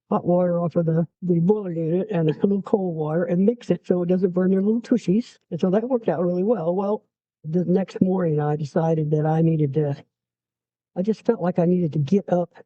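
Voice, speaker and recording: A middle-aged woman, an Air Force veteran, telling stories from her service in a casual interview, acting out her own shouts as she goes. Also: on the low side, no room sound. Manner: animated storyteller who acts out her own shouts. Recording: dry, slightly dull lo-fi recording.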